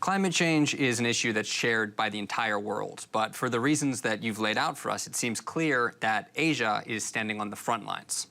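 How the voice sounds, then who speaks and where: A man's voice: lowish voice, normal speed, creaky, hardly any pauses, bright, forceful tone. A man hosting an interview, asking questions in a conversational, inquisitive way. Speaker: host.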